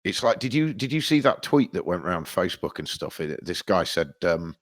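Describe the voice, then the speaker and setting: A man in his thirties, co-hosting a podcast in casual chat, telling sweary, animated stories. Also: low voice, fairly quick. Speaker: podcast co-host.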